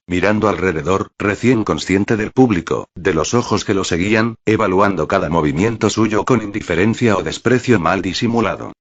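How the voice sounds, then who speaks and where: Man narrating fan fiction, very deep voice, measured dramatic reading. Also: no room sound, dull audio. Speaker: fanfic narrator.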